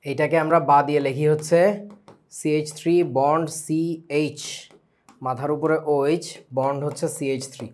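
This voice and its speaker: A young man with a Bangladeshi Bengali accent teaching a chemistry class online, lively and full of questions to his students. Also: on the high side, normal speed. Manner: lively, asks students questions often, mixes English words.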